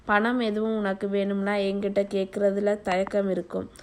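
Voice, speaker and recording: A woman voicing a gentle, teasing young husband. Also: medium pitch, flat delivery, normal speed, a little hiss or hum, natural voice. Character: caring, playful young husband.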